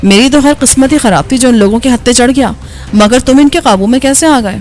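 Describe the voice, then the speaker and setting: A woman's voice: fairly high pitch, darkish tone, lightly acted. A woman voicing a wounded, defiant male assassin in an audiobook, speaking weakly and with bitter sarcasm. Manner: weak, bitter and mocking.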